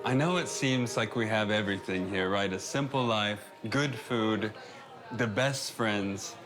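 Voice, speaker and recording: His voice sits fairly low and moves a little slowly. He's an American immigrant in his thirties, the subject of a documentary, cheerfully and casually describing his life in another country with minor restarts, somewhere between narration and chat, with music in the background.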